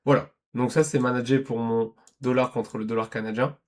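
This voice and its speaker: A man's voice: medium pitch, steady tone, normal speed. A man giving a casual screen-share trading lesson, thinking aloud, correcting himself and often checking in with his viewers. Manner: conversational, checks in with "d'accord?" and "ok?". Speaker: trading educator.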